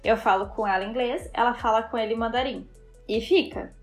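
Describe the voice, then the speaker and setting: A woman guest in a casual interview, telling lively stories and laughing as she talks. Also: a little high, a little fast, soft background music. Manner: chatty storyteller, laughs while talking. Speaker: guest, fashion designer.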